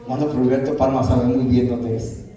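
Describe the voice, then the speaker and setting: A man's voice: medium pitch, fairly even intonation, normal speed, dark tone. A man preaching a sermon with emphatic rhetorical questions, lists and personal stories. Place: church. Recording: echoey room heard from a distance.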